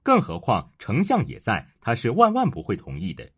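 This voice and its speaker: A man voicing a naive, timid young prince who speaks hesitantly and fretfully, in a husky voice. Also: mid-range voice, wildly swooping pitch, normal speed, a bit bright, exaggerated voice.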